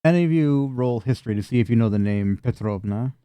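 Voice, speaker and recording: A man's voice: medium pitch, quick pace, mellow, clear, resonant tone, no echo. A man narrating a tabletop fantasy game as game master, in a casual, chatty, sweary style.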